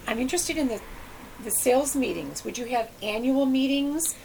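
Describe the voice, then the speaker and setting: Woman conducting an oral history interview, attentive and encouraging, with a slightly high voice and a faint hiss behind her. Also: lively intonation, moderate pace, vocal fry, a little mellow, poor audio. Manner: attentive, encouraging back-channel replies. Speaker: interviewer, library researcher.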